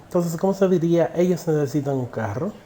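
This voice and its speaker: A man teaching an English grammar class in a recorded online lesson. He asks the viewer questions and then says each English example sentence slowly and carefully. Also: a little high, lively intonation, dark tone, a little hiss or hum.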